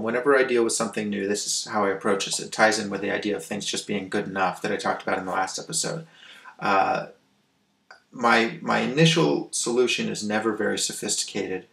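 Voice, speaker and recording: A man hosting a programming screencast, thinking aloud in a relaxed way with frequent ums and restarts. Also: on the low side, gravelly, echoey room. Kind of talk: casual coding walkthrough.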